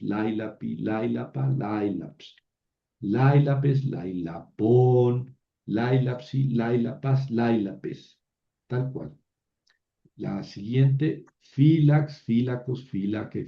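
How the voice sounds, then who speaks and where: A man's voice: mid-range voice, gravelly, dull audio. A man teaching a biblical Greek class, reciting word forms aloud one at a time and explaining them to his students. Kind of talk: classroom lecture.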